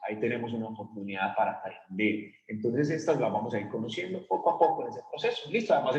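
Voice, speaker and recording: A man teaching an English grammar lesson to Spanish speakers, asking the class questions and drawing out example words slowly. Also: medium pitch. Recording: echoey room, dull lo-fi sound.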